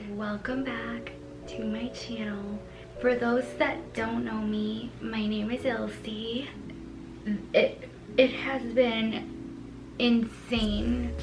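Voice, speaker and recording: A bubbly beauty vlogger in her twenties chats through a casual haul video, gushing, excitable, and giggling often. Her slightly high voice is slow and unhurried, set in an echoey room with clear music playing behind her.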